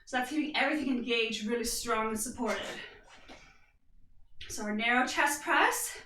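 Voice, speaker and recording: Bright high-voiced woman fitness instructor. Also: moderate pace, slight background noise. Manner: steady coaching cues, upbeat. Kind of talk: guided workout instruction. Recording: echoey room, mic from far off.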